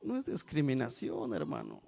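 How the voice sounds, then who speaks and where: A man's voice: medium pitch, huge pitch swings, normal speed, vocal fry, mellow. A middle-aged man from Mexico preaching an evangelical sermon, emphatic, calling out "brothers" again and again. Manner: repeats "hermanos" constantly, emphatic preaching.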